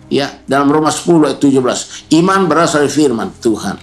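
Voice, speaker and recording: A male pastor preaching a sermon, repeating key words and pausing for emphasis. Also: mid-range voice, animated, reverberant, soft background music. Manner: preaching with repetition and emphatic pauses.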